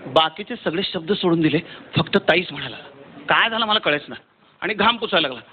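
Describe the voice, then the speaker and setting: A man's voice: on the high side, animated, fairly quick. A male stand-up comedian telling a comic story to an audience. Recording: dull live recording with loud crowd and noise.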